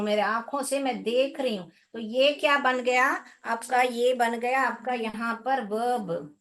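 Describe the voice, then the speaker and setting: A woman's voice: on the high side, fairly bright tone. A young Indian woman teaching an English grammar class online, explaining patiently in a mix of Hindi and English and calling the pupils "beta".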